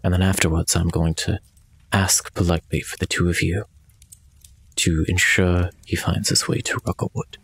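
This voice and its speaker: A man playing a tabletop game, speaking in character in a measured, formal, quietly menacing way. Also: deep voice, level tone, slightly rough, no echo. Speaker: player. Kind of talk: in-character tabletop role-play.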